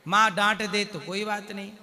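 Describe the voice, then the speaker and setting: A man speaking as a spiritual guru, counseling a married couple. He asks questions and slows down to recite couplets. His voice is high and bright, and it carries a long hall reverb. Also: steady tone. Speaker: spiritual guru giving advice on stage. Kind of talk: devotional advice to a couple.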